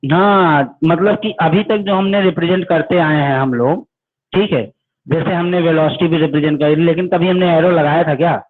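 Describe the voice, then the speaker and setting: A man's voice: fairly high pitch, fairly even intonation, moderate pace. Man teaching in a tinny recording. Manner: addresses students as "beta", asks questions and answers them himself. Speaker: physics teacher. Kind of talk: online class lecture. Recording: tinny phone-like audio.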